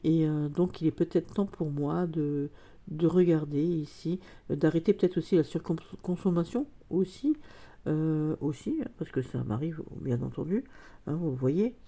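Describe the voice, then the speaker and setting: With a low, warm voice and a slightly slow pace, a vlogger chats casually through a cold that has stuffed her nose. She hesitates a lot and uses many fillers.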